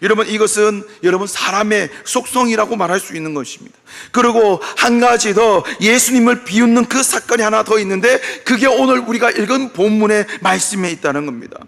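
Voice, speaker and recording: A man preaching in a church sanctuary, his voice pitched high and bright with a gravelly edge. He tells the stories with lively delivery, briefly acting out each character. A long hall reverb trails behind every phrase. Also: brisk. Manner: animated storytelling, acting out biblical speakers. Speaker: pastor. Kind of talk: sermon.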